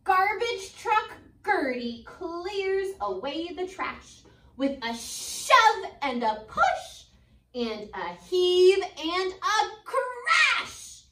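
An American woman in her twenties, an elementary school teacher, reads a picture book to children in an extremely high-pitched voice. She's expressive, animated and deliberate, with chatty asides and questions aimed at her listeners. A phone camera a few feet away picks up the roomy classroom sound.

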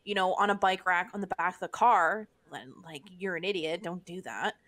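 Blunt, animated woman podcast co-host. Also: lowish voice. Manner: blunt, animated, quick to swear and joke. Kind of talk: casual chat.

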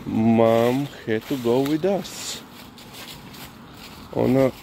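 A man's voice: mid-range voice, gravelly, mellow. A man chatting casually while walking his dog outdoors at night, filmed on a phone, talking to the viewer and now and then to the dog. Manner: slow, chatty, talks to his dog between remarks. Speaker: dog owner vlogger. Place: city streets at night, outdoors. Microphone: handheld phone camera filming while walking. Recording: faint street and traffic noise.

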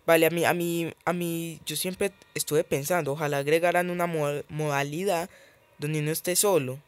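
A man's voice: on the high side, steady tone, normal speed, no echo. Chatty man commenting on a game. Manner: chatty, thinks aloud, easily startled. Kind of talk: casual gameplay commentary.

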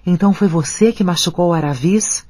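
A man's voice: high voice, normal speed, a little mellow, no echo. A man voicing a frightened, hungry young boy who pleads on the edge of tears.

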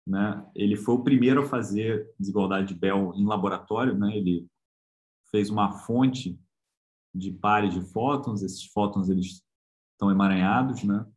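A man with a Brazilian Portuguese accent giving an informal online physics lecture. He talks in a relaxed, conversational way, with frequent tag questions and hesitations. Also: on the low side.

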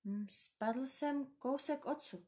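A woman voicing a gentle, curious little boy prince in a storybook reading, soft and earnest. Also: sits high, lightly acted. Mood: quiet earnest.

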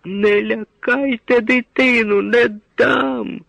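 A man's voice: medium pitch, huge pitch swings, moderate pace, vocal fry, a little mellow, slightly rough, no echo, full character voice. A man voicing a frightened village mother who pleads and cries out, heard on a dull lo-fi old radio recording. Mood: defiant. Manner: pleading, crying out. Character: frantic village mother, shrill with fear.

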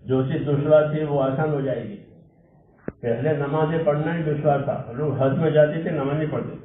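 A man preaching a sermon in a mosque hall, talking to the congregation as friends in a measured, repetitive way. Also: a little high, fairly even intonation. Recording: echoey hall from far off, tinny lo-fi sound.

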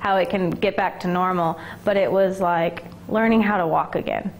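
Her lowish, steady voice moves at a moderate pace as she opens up emotionally and candidly in an interview, peppering her speech with "like" and "um." She's in her twenties, a former college basketball player, in an indoor gym locker room.

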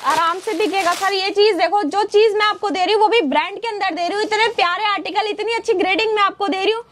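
A young woman selling wholesale clothing in a warehouse, pitching energetically and repeating her selling points. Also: fast talker, a bit bright, a little hiss or hum. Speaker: wholesale seller. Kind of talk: sales pitch showing products.

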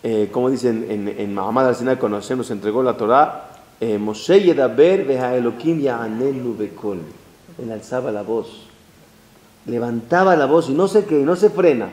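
A man, a rabbi giving a religious lesson in an animated, emphatic way, with Hebrew phrases mixed in. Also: mid-range voice, moderate pace. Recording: roomy echo.

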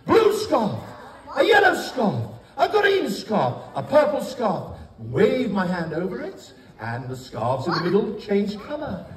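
An older English man working as a kids' party magician, with lively, swooping delivery. He teases and instructs children in playful, theatrical stage patter. He is heard from far off in an echoey, noisy hall. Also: sits high, unhurried. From England. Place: large wood-panelled indoor council chamber. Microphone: audience phone camera from several metres. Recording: echoey hall, distant phone, noisy young audience. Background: crowd of children and adults.

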